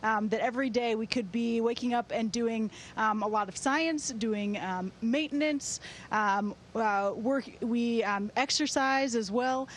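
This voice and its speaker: A woman answering interview questions as an astronaut in a measured, explanatory way. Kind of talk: interview answers over a space-to-ground link. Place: aboard a space station. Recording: steady rumbling background noise on link.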